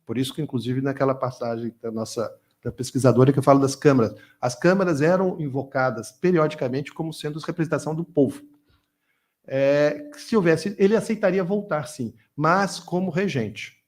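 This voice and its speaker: A man's voice: on the high side, a little fast, a little mellow. A middle-aged man answering questions as a guest lecturer at a conference, talking discursively with frequent restarts and repeated words.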